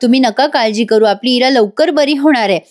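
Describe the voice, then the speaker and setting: A woman voicing a gentle kind young girl. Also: a little high, a little fast, no room sound, studio quality, close to an everyday voice. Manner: gentle, pleading.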